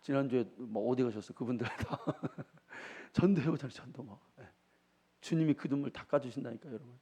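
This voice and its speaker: A man's voice: mid-range voice, fairly quick, dark tone, slightly rough. A middle-aged man, preaching a sermon as pastor, telling homely stories and often asking the congregation questions. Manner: folksy storytelling, asks the congregation questions.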